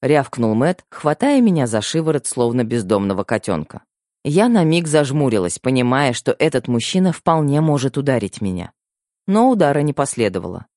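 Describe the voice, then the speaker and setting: A man narrating a novel in an expressive storytelling manner. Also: medium pitch, normal speed, no echo, clean studio sound. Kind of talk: audiobook narration.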